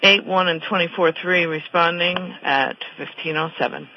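A man reading formal fire dispatch announcements over two-way radio in measured, clipped, procedural phrases. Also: a little high, creaky. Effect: two-way radio transmission. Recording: dull radio channel, faint static.

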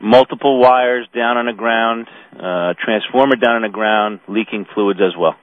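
This fire dispatcher's voice is fairly low and moves at a moderate pace as he works the two-way radio. He follows formal procedure, reading messages back, and the channel is narrow and tinny with a layer of hiss.

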